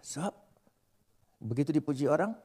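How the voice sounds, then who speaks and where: An older male pastor preaching a sermon lively rises to loud emphasis and playful teasing of the congregation. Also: on the high side, moderate pace, husky.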